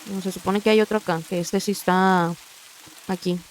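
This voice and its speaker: A woman's voice: medium pitch, fairly even intonation, moderate pace, slight background noise. A woman giving casual gameplay commentary, chatty and often murmuring to herself. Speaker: gaming video creator.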